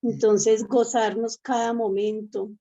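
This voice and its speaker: A woman's voice: on the high side, little pitch movement, slow, dark tone, rough recording. A woman from the congregation giving a casual testimony, chatty and laughing between thoughts. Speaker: congregation member. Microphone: online meeting.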